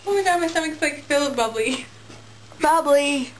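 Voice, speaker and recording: A woman's voice: sits high, lively intonation, quick pace, noisy background. A young woman chatting casually and giggling easily, in an amateur recording. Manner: giggly, breaking into laughter. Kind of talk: casual chat during a drinking and burping challenge.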